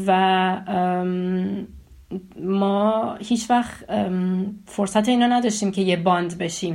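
Woman in her 20s from Iran, storytelling, hesitant delivery with filler pauses. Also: medium pitch, darkish tone. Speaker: interviewee. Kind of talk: personal storytelling.

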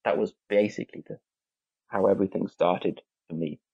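A man's voice: deep voice, steady tone, moderate pace, gravelly, dark tone, breathy edge, muffled recording. A man in his forties from England, a guest on an interview podcast, talking with many restarts and fillers. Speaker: guest, newspaper visuals head. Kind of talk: conversational interview.

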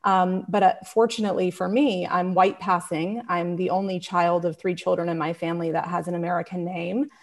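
A woman's voice: fairly low pitch, fairly even intonation, fairly quick, few pauses. A woman introducing herself on a panel in an earnest, reflective way. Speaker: panelist, founder.

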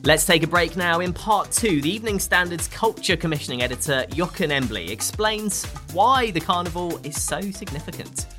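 A woman hosting a podcast, asking questions in a steady, conversational way. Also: lowish voice, moderate pace, few pauses, soft background music. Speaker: podcast host. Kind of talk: interviewing.

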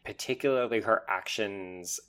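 A man hosting a casual podcast conversation, opinionated and quick to laugh. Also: fairly low pitch, fairly bright tone. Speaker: podcast host.

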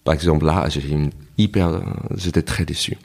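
Guest: American man, very low voice, non-native French with an American accent, reflective, halting storyteller. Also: steady tone, gravelly, darkish tone. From United States. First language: English. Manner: reflective, anecdotal, halting with frequent restarts. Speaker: guest, author. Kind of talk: casual interview conversation.

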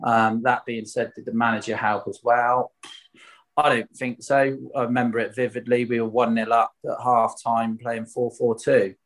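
A man's voice: medium pitch, little pitch movement, moderate pace. A man from Swindon with a Wiltshire accent, a former footballer telling stories in a casual interview, candid, colloquial and questioning himself. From Swindon, England. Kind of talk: casual anecdotal interview chat.

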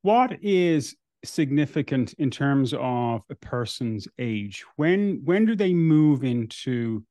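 A man's voice: mid-range voice, expressive, slow, few pauses, mellow, no room sound. A man hosting a podcast interview, friendly and grateful, asking long, winding questions. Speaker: podcast host.

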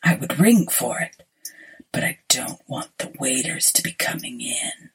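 A woman voicing a pale, cold male stranger who speaks in a slow, hushed whisper in a storybook reading. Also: very deep voice, expressive, slightly rough, voice pushed down, exaggerated voice.

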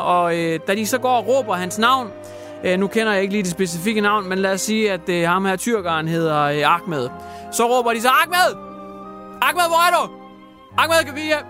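A man's voice: high-pitched, fairly bright tone. A man hosting a radio show, retelling odd news stories in a jokey, crude and theatrical way. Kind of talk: comic radio news chat.

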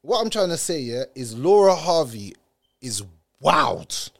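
High, animated London roadman man. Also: normal speed, soft background music. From United Kingdom. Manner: London roadman street slang. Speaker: commentator reacting to viewer comments. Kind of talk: casual opinionated rant.

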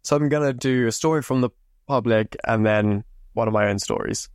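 This podcast host, a young man from Zimbabwe, has a mid-range voice that moves fairly quickly and sounds smooth. Swearing freely, he spins casual stories into a close mic, and there's no room sound.

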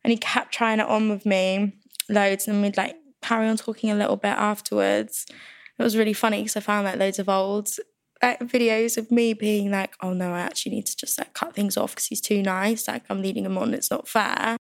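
A woman's voice: medium pitch, flat delivery, a little fast. A twenty-one-year-old woman, chatting casually and rambling with lots of fillers. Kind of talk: casual chat.

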